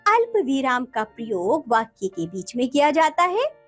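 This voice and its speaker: A young woman teaches a textbook lesson to children, calling out to them as she goes and stressing each example she reads. Her voice sits high and swings widely in pitch. Soft music plays faintly underneath. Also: big pitch swings, a little slow. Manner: addresses children warmly, reads examples aloud with emphasis.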